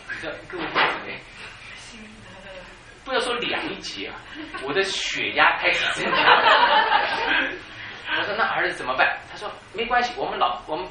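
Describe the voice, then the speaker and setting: Brief: preacher in his fifties, lively pitch, echoey hall from far off. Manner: animated storytelling, laughing at his own jokes. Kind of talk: sermon. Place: church hall. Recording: echoey church hall, mic far off, noisy.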